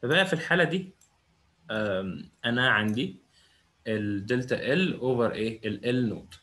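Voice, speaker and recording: A man's voice: medium pitch, expressive, normal speed, pushed and bright. A young man with an Egyptian Arabic accent giving a physics lesson, often asking a question and answering it himself. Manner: asks rhetorical questions and answers them himself. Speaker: physics teacher. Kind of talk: classroom lecture.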